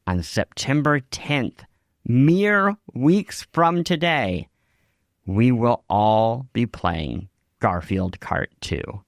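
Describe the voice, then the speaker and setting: A podcast host with a mid-range voice reads scripted news and show notes in a wry, conversational manner, with music playing behind him. The recording is dry, with clean studio sound.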